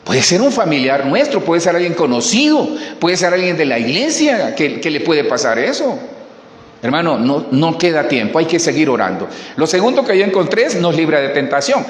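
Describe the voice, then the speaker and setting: Preacher, animated, emphatic, higher voice, roomy church sound. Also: male voice, moderate pace. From Colombia. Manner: preaching emphatically, repeating words and addressing the congregation. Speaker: pastor. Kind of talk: sermon. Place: church hall. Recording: echoey hall.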